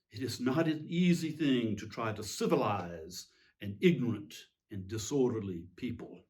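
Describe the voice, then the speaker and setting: A man playing a petulant, self-justifying tyrant king in a theatrical, pompous, indignant monologue with emphatic pauses. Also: mid-range voice, darkish tone. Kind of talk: theatrical dramatic monologue reading.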